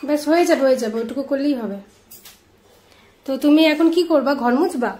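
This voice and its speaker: Home vlogger, young woman, bossy and teasing, bright high voice, talks fast. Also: slight background noise. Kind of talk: casual home vlog. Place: home indoors.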